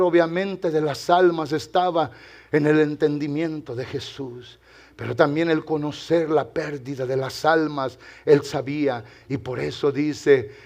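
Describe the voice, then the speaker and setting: A man pastor preaching a sermon, dropping to hushed tones and then rising to loud, exclaiming passages while addressing the congregation directly. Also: a little high.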